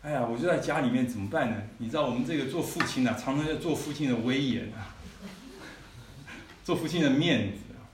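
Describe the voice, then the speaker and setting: A man's voice: mid-range voice, brisk. A man preaching a testimony in a conversational storytelling way, often turning to the listeners with asides. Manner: conversational storytelling, frequent "you know" asides. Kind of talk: sermon testimony. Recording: echoey hall, mic at a distance, faint noise.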